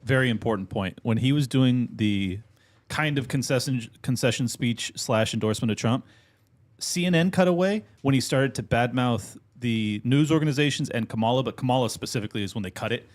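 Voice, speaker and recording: Male co-host, loose and chatty, quick interjections. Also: mid-range voice. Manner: quick interjections, casual slang. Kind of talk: casual political chat.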